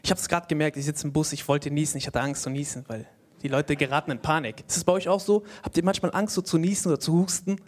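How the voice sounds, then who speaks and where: A man's voice: on the high side, fast. A young man of Palestinian origin doing a stand-up comedy set on stage, telling casual, slangy stories and acting out other people's voices. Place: stage before a live audience. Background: audience laughter.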